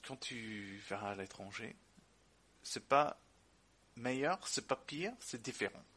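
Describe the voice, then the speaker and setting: A man, a native English speaker with an English-speaking accent in French, chatting casually and reminiscing, often halting as he searches for words. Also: medium pitch, lively intonation, bright, forceful tone. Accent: foreign, English-speaking.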